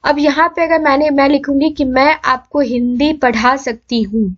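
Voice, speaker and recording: A young woman with a high voice teaches a grammar lesson for exam prep. She poses questions to her class and answers them herself, and draws out each letter slowly so viewers can say it along with her. The audio is a little dull and muffled. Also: steady tone. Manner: sounds out letters slowly for students to repeat.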